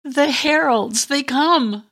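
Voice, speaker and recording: A woman playing a stubborn, rapt elderly prophetess in a dramatic Bible story reading, speaking with slow wonder. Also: sits high, a bit bright, pitched above the performer's own voice, heavily acted.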